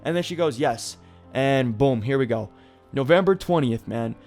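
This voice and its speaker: A man's voice: mid-range voice, normal speed, a little mellow, soft background music. A man hosting a gaming commentary video, talking casually with lots of "you know" and "like". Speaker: gaming YouTuber.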